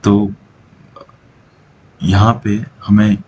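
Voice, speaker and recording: A man teaching a programming lesson in a relaxed, conversational way, walking through the steps and often pausing to check that listeners are following. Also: on the low side, highs cut off, slight background noise. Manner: explains step by step with frequent "theek hai" check-ins and fillers. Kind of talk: casual screen-recorded coding lesson.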